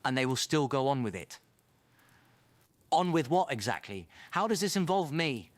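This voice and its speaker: A man playing an excitable, eccentric time traveller in a fan audio drama, rambling theatrically to himself. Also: mid-range voice, normal speed, close to an everyday voice. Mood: puzzled. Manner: theatrical, rambling self-talk.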